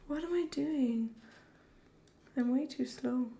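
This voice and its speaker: A woman streaming a game live, talking to her chat and shrieking with excitement at tense moments. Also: high voice, slow pace, vocal fry. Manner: talks to chat as "darlings".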